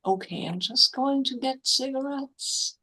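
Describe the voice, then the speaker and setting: A woman chatting casually as a player in a tabletop role-playing game, halting and thinking aloud. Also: high voice, sharp tone, rough recording.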